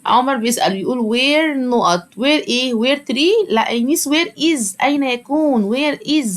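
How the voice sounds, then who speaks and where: A woman with an Egyptian Arabic accent teaching English to young children, repeating words slowly for them to copy and praising them. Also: a little high. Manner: drills words by slow repetition, encouraging.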